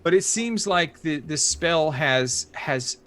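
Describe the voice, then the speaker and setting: A man's voice: a little high, expressive, takes it slowly, pushed and bright. A man running a tabletop game as dungeon master, narrating scenes and calling for rolls, often restarting his sentences. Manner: hesitant, restarts mid-sentence.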